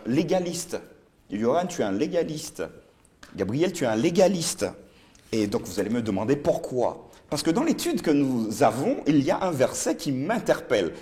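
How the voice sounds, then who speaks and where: A man moderates a Bible study discussion with lively, swinging intonation. His voice is dark and mellow, and he keeps the conversation moving with steady, affirming replies. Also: medium pitch.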